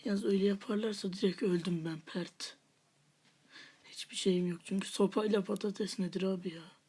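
A woman's voice: medium pitch, fairly even intonation, normal speed, a little mellow, breathy edge. A woman hosting a gaming channel, giving live gameplay commentary with half-whispered muttered asides and playful taunts at opponents.

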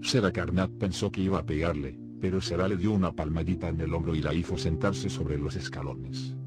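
A man narrating an audiobook in a steady storytelling delivery. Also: sits low, a little fast. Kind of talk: scripted narration. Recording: music playing behind the voice.

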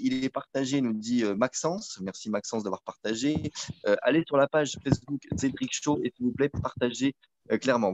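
Male live-stream host, medium pitch, chatty and repetitive, home mic with faint hiss. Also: lo-fi sound. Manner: chatty, repeats phrases, many fillers. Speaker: host of a live web show. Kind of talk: casual live-stream chat.

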